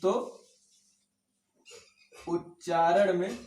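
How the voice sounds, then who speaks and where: A man's voice: sits high, little pitch movement, extremely slow, a little mellow. A man teaching an exam-prep grammar lesson, asking questions and answering them himself, often checking with "okay". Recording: echoey room, mic at a distance.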